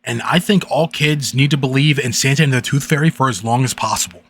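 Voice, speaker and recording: Male streamer, mid-pitched, casual and halting, reads creepypasta aloud. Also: a bit bright, husky. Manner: halting, filler-heavy chat between readings. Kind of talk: live-stream story reading.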